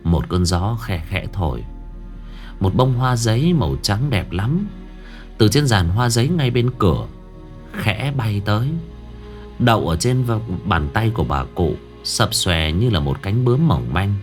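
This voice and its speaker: A man narrating an audiobook ghost story in an expressive storytelling manner. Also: lowish voice, a little slow. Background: faint music.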